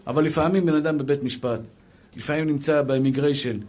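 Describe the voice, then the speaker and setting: A man's voice: on the high side, steady tone, darkish tone. A man giving a religious lecture, telling stories emphatically and calling his listeners brothers. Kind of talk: Hebrew sermon with anecdotes.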